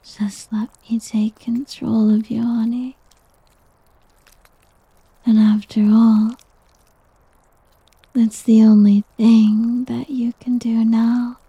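A woman voicing a doting, possessive slime creature in an ASMR roleplay, whispering softly and teasingly. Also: a little high, flat delivery, slow pace, long pauses, no room sound, full character voice. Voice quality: breathy. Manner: soft whispering, teasing and coaxing. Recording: dull lo-fi audio.

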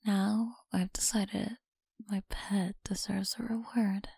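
Playing a possessive bully who teases in an ASMR roleplay, the young woman keeps a slow, breathy, mocking whisper near the microphone. The voice is mid-range, warm and level in tone, exaggerated in character, with no room sound at all.

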